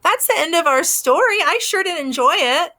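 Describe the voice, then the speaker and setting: A woman with a Southern US accent reads to little children in a high, bright voice. She talks like a teacher with a toddler, sing-song and full of simple questions, and her pitch moves up and down a great deal. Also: animated, moderate pace. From American South. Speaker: early childhood teacher and story reader. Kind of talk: reading aloud to young children with commentary. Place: outdoors by a house.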